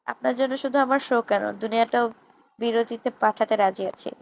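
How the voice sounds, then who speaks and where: A brash young DJ snaps orders and turns sweet and teasing with his wife, read by a woman storyteller. The voice sits a little high with a gravelly edge. It is a storybook reading. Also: steady tone, moderate pace, a little hiss or hum, rough recording. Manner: brash in English bits, soft and teasing on the phone.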